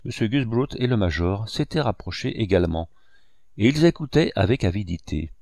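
A man narrating a classic novel in a steady, dramatic reading. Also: fairly low pitch, normal speed, creaky, no room sound, studio quality. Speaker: audiobook narrator. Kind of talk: scripted narration.

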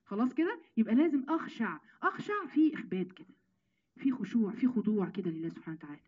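An Egyptian woman giving a lively Quran commentary lesson, talking conversationally and tossing rhetorical questions to her listeners. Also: fairly high pitch, racing, slightly rough, lo-fi sound. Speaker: religious teacher.

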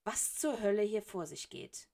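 A woman's voice: mid-range voice, lively intonation, moderate pace, vocal fry, dark tone. A woman reading as a suspicious, indignant younger male wizard in a storybook, close to her own voice. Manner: hissing, indignant. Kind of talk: audiobook character reading.

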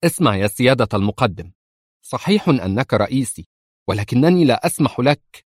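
A man voicing a defiant young female lieutenant in an audiobook, raising his voice somewhat higher for her. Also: expressive, no room sound, studio quality, close to an everyday voice. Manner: defiant, quick to surprise.

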